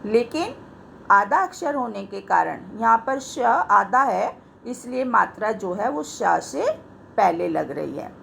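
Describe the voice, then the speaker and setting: A woman teacher walks through a grammar lesson at a very slow, deliberate pace, her voice fairly high with a gravelly edge. She explains step by step, pointing to the words she has marked. Faint noise sits under the recording. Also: big pitch swings, fairly bright tone.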